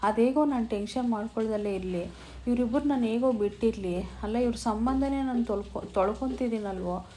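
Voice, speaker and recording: A woman's voice: a little high, fairly quick, warm tone, slight background noise, lightly acted. A woman voicing a sorrowful middle-aged man who frets about losing his sister and niece. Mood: grieving. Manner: sorrowful, pleading. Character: grieving middle-aged man, a troubled elder brother.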